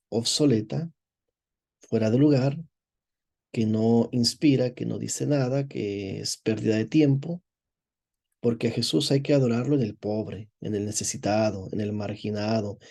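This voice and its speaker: Man, priest giving a class, mellow tone, explanatory, repeats himself. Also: medium pitch, a little slow, vocal fry. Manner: digressive, repeats words while searching for phrasing; explanatory, asks "verdad?" to check with listeners. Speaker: priest teaching a course. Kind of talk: lecture, reading and commenting on a text.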